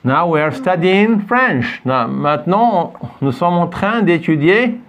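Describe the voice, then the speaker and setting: A man's voice: high voice, lively intonation, slow. A man teaching a French lesson in a classroom, patiently repeating phrases for his students to echo back. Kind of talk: classroom lesson with call-and-response drilling.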